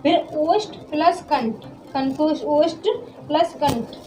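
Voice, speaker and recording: A woman's voice: high voice, slow, mellow, reverberant, a little hiss or hum, poor audio. A woman teaching Hindi pronunciation, sounding out syllables one by one and answering her own questions. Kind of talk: classroom lesson on pronunciation.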